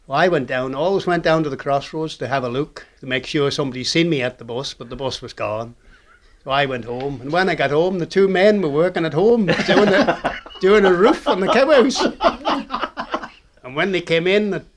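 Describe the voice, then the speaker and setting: A man's voice: fairly high pitch, brisk. An older man from the Isle of Man with a Manx accent, telling anecdotes as an interviewee. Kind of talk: anecdotal storytelling.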